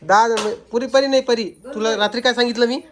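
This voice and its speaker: A man's voice: very high-pitched, steady tone, fast talker. A man chatting to viewers in a casual family vlog and coaxing the children. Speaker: family vlogger. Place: crowded family home indoors. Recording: crowded noisy family room.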